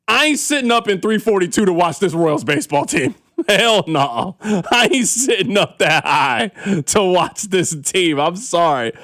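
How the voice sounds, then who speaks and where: A man's voice: sits high, a bit bright, no room sound, studio quality. A male radio host in casual sports talk, opinionated and emphatic, speaking colloquially.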